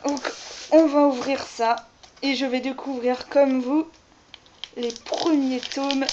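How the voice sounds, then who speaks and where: A woman's voice: high-pitched, fairly even intonation, takes it slowly, a little mellow, a little hiss or hum. Chatty woman vlogger, dull lo-fi sound. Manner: chatty, many fillers like "voilà" and "euh". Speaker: author unboxing her own book. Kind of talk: casual vlog chat.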